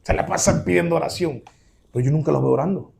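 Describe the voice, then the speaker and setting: Male pastor, high gravelly voice, emphatic sermon delivery, direct rhetorical questions to the flock. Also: fast, slight background noise. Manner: emphatic preaching, swinging between loud exclamations and low asides; addresses listeners directly as brothers, asking rhetorical questions.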